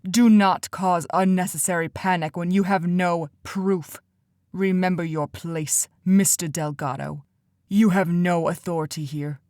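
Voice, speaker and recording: A woman voicing a stern, cold male council leader who talks in a sharp, commanding way, in an audiobook. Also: on the low side, fairly even intonation, measured pace, no room sound, studio quality. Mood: icy.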